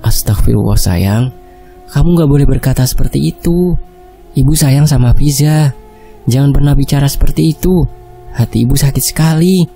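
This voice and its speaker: A man's voice: medium pitch, normal speed, gravelly, long pauses, warm tone, faint music behind, pitched above the performer's own voice, natural voice. A man voicing a worried young mother who pleads tearfully with her daughter, reading in a raised voice. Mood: tearful, pleading.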